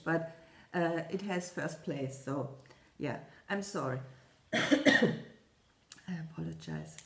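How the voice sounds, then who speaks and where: A woman chatting casually to camera as a stitching vlogger, rambling and halting, often stopping to apologize. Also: on the low side, a little mellow. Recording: echoey room.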